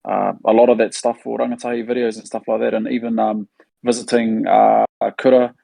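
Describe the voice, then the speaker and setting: A man's voice: medium pitch, level tone, fairly quick, creaky, dark tone, no echo. A man with a New Zealand accent answering questions casually as a musician host, in a laid-back, matey, slangy way.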